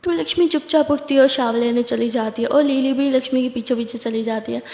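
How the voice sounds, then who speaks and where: A woman's voice: sits high, brisk, gravelly, darkish tone. A woman telling a love story in a chatty, conversational way, with fillers. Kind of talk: casual spoken storytelling. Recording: roomy echo with long reverb.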